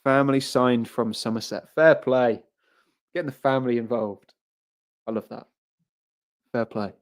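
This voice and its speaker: A livestream host speaks at a medium pitch in a steady, unhurried tone. He meanders through casual commentary, reads out what viewers write, and often repeats himself and restarts.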